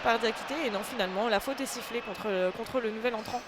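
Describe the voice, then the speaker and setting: A football co-commentator giving live sports commentary and analysis in a hesitant, halting way, repeating words. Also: medium pitch. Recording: noisy outdoor ambience behind the voice.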